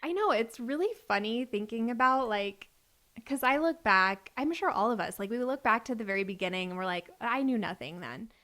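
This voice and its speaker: A woman in her thirties, a podcast host and business coach, chats casually with a guest, sprinkling in lots of "like" fillers. Her voice is on the high side, expressive, pushed and bright, and she talks fairly quickly.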